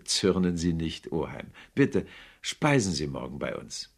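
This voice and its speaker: A man voicing an earnest, warm-hearted young man who pleads with his uncle in a storybook reading. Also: a bass voice, very animated, a little slow, creaky, husky, full character voice. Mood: pleading.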